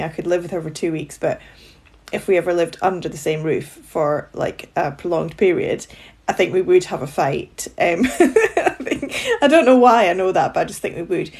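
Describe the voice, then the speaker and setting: A woman's voice: on the low side, a little mellow, slightly rough. A woman telling stories about her friend in a reflective conversation, laughing easily. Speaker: interviewee.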